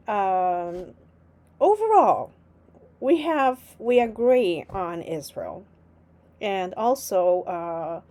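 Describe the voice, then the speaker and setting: A woman hosting her own podcast, speaking haltingly with many fillers over a call. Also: mid-range voice, warm tone. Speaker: podcast host. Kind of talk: podcast interview.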